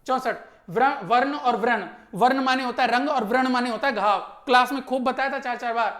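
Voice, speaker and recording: A male teacher going briskly through an exam answer key, emphatic and constantly checking in with his students. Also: very high-pitched, fairly bright tone, echoey room.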